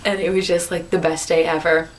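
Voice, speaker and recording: A woman in her twenties chatting to camera as a vlogger, telling her story in a bubbly, animated way. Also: fairly low pitch, fairly quick, slight background noise. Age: 20s. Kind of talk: casual chat to camera.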